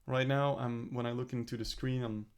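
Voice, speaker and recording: This casual vlog features a young man earnestly working through his plans, drifting and revising what he says. His mid-range voice moves at a moderate pace with little change in pitch.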